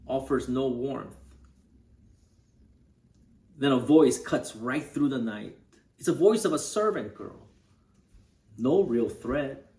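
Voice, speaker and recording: Slow, dramatic preacher in a roomy hall. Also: male voice, mid-range voice. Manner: vivid retelling, dropping to hushed tones. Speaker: pastor. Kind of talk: dramatic sermon storytelling. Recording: roomy echo.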